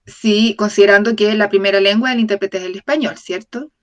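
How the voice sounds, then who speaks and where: A woman with a mid-range voice voices a lecture for an interpreter in an open talk series. She speaks in a measured way, often correcting herself mid-phrase and using tag questions to check in with the audience.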